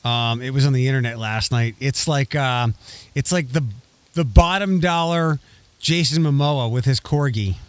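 A man chatting on a podcast in halting, hesitant phrases. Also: medium pitch, clean tone, dry recording. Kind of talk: casual podcast chat.

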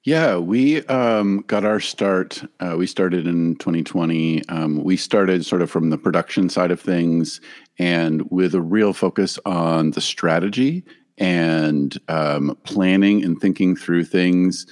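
A man's voice: low-pitched, takes it slowly, a little mellow. A man as a podcast guest, explaining in a thoughtful, hesitant way with many fillers. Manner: thoughtful, hesitant with many ums and you-knows. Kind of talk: casual interview talk. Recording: long room reverb.

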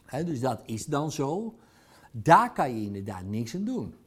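Speaking at a measured pace in a husky, mid-range, sing-song voice, a man gives a casual, conversational monologue as a speaker or coach. His talk is blunt and provocative, sprinkled with crude language.

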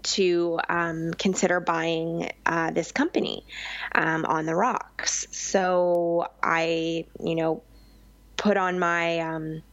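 Young woman, low voice, chatty with ums, dull dry recording. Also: level tone, takes it slowly, dry recording. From Vancouver Island, Canada. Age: young adult. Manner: chatty, frequent ums and restarts. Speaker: business owner guest. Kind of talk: conversational interview.

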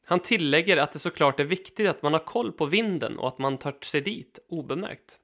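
A man reading his own hunting trip article aloud in a steady, matter-of-fact way. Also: on the high side. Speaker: hunting writer narrating his trip report.

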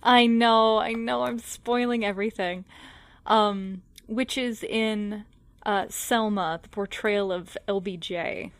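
A woman talking films on a podcast in a measured, thoughtful way, with frequent "um"s. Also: medium pitch, steady tone, no room sound. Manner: measured, filler-heavy, thoughtful. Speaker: podcast guest. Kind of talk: casual film discussion.

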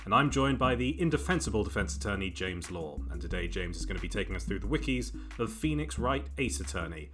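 A man's voice: lowish voice, expressive, quick pace, hardly any pauses, over music. A man hosting a comedy podcast, with a dry, joking delivery. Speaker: podcast host. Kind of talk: casual podcast chat.

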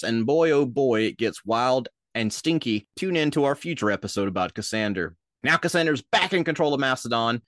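Minnesota guy hosting a history podcast, super animated, jokey, dry close sound. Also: medium pitch, no echo. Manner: lively storyteller, jokey asides. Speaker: podcast host. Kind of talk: casual history podcast narration.

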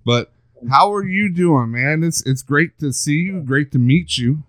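A man's voice: a little high, a little slow, a bit bright, dry recording, studio quality. A man hosting a podcast who chats casually, teases his guest and jokes around. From Texas. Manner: jokey, teasing, chatty. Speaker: podcast host. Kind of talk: casual interview chat.

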